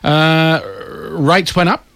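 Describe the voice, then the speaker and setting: A man's voice: a little high, fairly even intonation, takes it slowly, a bit bright, no room sound. A man co-hosting a radio show, chatty and joking with the listeners. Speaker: radio co-host. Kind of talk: breakfast radio banter. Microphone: studio microphone.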